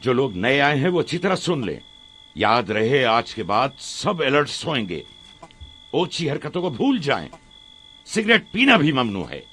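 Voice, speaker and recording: An actor dubbing a stern male training commander who barks orders, with a lively pitch. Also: measured pace, slight background noise. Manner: barking orders. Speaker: camp commander. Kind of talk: Urdu dub acting.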